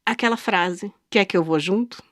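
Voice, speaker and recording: A woman with a Brazilian Portuguese accent tells a story on a podcast in a relaxed, chatty way. She slips into the voices of the people in her tale and laughs as she goes. Her voice sits mid-pitch on a dry, close mic. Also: normal speed, no room sound. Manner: animated, acts out quoted dialogue, laughs often. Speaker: podcast co-host. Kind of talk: casual storytelling chat.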